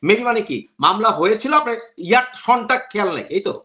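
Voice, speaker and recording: Quick, high-voiced male interviewer. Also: pushed and bright, no room sound. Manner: pressing, prompting the guest. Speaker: talk show host, interviewer. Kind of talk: probing interview questions.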